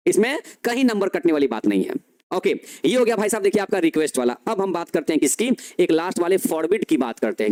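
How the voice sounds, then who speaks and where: High-voiced man teaching grammar. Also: mellow. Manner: explains slowly, repeats key phrases, asks and answers own questions. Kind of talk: classroom grammar lesson.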